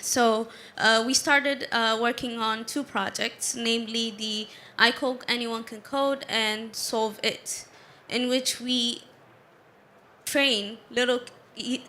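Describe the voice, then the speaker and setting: A young woman from Ethiopia with an Ethiopian accent, a tech founder speaking on a conference panel in a measured way, often pausing on "uh.". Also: on the high side, steady tone, sharp tone, slight background noise. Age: young adult. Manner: measured, with frequent "uh" pauses. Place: conference stage.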